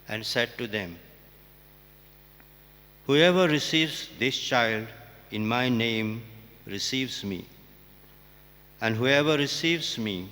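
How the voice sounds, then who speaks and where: A man serving as priest, reading the gospel and preaching a homily in a slow, deliberate way, his voice ringing with a cathedral echo in a large church. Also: medium pitch, sharp tone. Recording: long church reverb.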